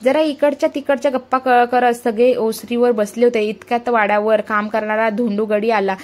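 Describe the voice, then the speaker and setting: A woman's voice: fairly high pitch, steady tone, moderate pace, a little mellow. A woman reading a story aloud, stumbling and restarting on words now and then as she goes. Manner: reads all characters in her own voice.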